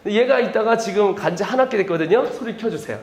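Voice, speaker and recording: High, lively male lecturer; chatty, jokey, echoey hall sound. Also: quick pace. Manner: animated, chatty, laughs at his own jokes. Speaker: missionary speaker at a teachers' seminar. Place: indoor seminar room.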